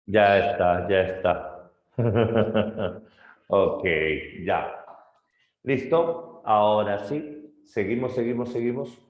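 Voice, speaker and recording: A man's voice: lowish voice, drawn-out words, long pauses. A man tutoring literature for an entrance exam, retelling a short story and acting out its characters' lines before he moves on to the next topic. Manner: animated storytelling, acting out quotes. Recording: muffled roomy lo-fi audio.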